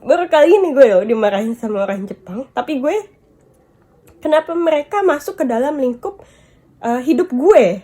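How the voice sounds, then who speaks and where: A woman's voice: high-pitched, lively intonation, moderate pace, dark tone. A woman vlogger venting about being scolded, upset and tearful at times, mixing English and Japanese words into her talk. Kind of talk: emotional storytime vlog.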